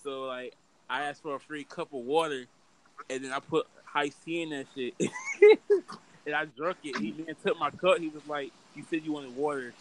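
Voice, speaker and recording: A man's voice: a little high, very animated, normal speed, a little hiss or hum, low-quality recording. A man with an American accent hosting a casual, profane chat full of slang, talking as if among friends. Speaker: podcast host.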